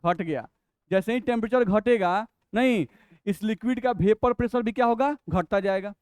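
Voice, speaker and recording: A man with a Bihari Hindi accent gives a chemistry lecture in a high, smooth voice. He works through each point patiently, putting questions to the class and answering them himself. The recording is close and dry. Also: darkish tone, dry recording. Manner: explains step by step, asks and answers his own questions; reads English definitions slowly and deliberately. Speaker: chemistry teacher.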